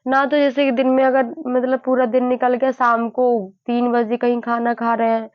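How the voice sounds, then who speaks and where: A woman in her early twenties sharing her grief in a personal vlog. She sounds weary and low, halts often, and repeats herself. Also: completely flat delivery, no echo. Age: early 20s. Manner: halting, repeats herself, many fillers. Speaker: vlogger. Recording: dull lo-fi dry sound.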